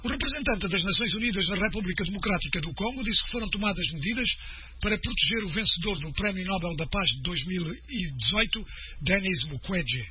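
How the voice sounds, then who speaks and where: A man presenting the radio news in a steady, formal read. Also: high voice, fairly quick. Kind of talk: scripted radio news reading. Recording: muffled radio broadcast with faint noise.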